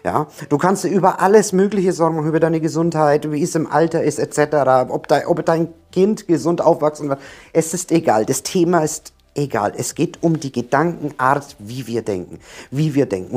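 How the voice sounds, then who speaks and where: Husky-voiced man coaching the viewer. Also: a little high, darkish tone. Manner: earnest, repetitive, speaks straight to the viewer. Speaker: self-help coach. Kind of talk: motivational self-help monologue.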